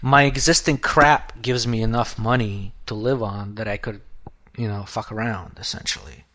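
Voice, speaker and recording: Man, 30s, podcast co-host, loose chatty delivery, sentences start over a lot, voice going hoarse. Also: on the low side, steady tone, moderate pace, pushed and bright. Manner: rambling, restarts often, swears casually. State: losing his voice. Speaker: podcast co-host, app developer. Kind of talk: casual podcast chat.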